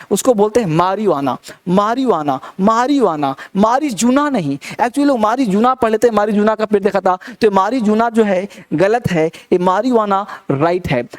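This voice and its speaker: An Indian man teaching pronunciation in Hindi, repeating each word and asking the class questions that he answers himself. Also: high-pitched. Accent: Indian English. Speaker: spoken English teacher.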